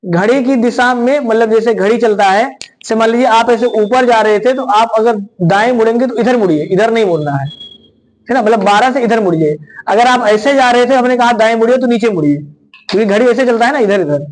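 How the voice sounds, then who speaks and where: A man teaching a classroom of exam students, speaking loudly, repeating himself and checking "right?" after each point. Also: very high voice, a little fast, rough recording. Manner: loud, repetitive, keeps asking "right?". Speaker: reasoning teacher. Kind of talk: classroom lecture.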